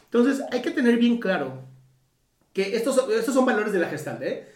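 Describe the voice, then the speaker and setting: A man with a Mexican Spanish accent speaks as a psychotherapist in a loose, colloquial talk, sprinkling in swear words and quick tag questions. His voice rings in a roomy space. He sits some distance from the microphone. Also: very high-pitched, very animated, darkish tone. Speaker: Gestalt psychotherapist. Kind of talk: casual motivational talk. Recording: roomy echo, mic at a distance.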